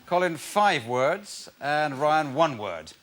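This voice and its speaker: A man's voice: fairly high pitch, very animated, slow, a bit bright. A man hosting a comedy game show, unscripted, hesitating and repeating phrases as he presents. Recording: live studio with crowd and noise.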